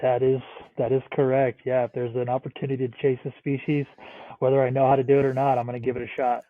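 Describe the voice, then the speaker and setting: A man of about thirty from the Northeastern US chats casually as a podcast guest, rambling with lots of "like" and swearing freely. His mid-range voice is level and fast, coming through a dry, tinny, phone-like remote line with no room sound.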